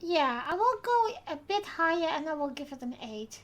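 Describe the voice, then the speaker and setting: This podcast host is a native Dutch speaker whose high, slightly bright voice swings widely in pitch at a moderate pace. Her Dutch-accented delivery on the casual show is hesitant and full of fillers.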